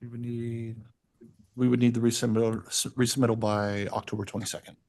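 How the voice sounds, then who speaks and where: A man's voice: medium pitch, little pitch movement, a little fast, darkish tone. A man on city staff reporting agenda counts and deadlines in a factual way, correcting himself as needed. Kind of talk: public meeting remarks.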